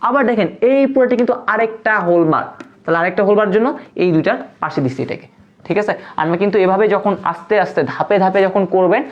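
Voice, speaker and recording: Quick-talking woman tutor, lo-fi sound. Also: medium pitch, a little mellow. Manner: patient, asks and answers her own questions. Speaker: online tutor. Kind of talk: live class lecture. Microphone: phone. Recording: dull lo-fi stream audio.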